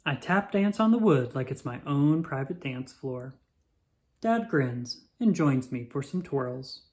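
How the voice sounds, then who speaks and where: A narrator with a mid-range voice reads a children's picture book aloud, telling the story in an expressive, measured way.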